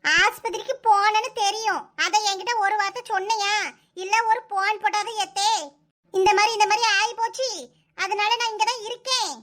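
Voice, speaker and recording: Brisk and very high-pitched yet steady, a woman with a Kanyakumari Tamil accent voices a nagging old mother-in-law in a comedy cartoon. The character is proud and sharp-tongued, scolding with sarcasm.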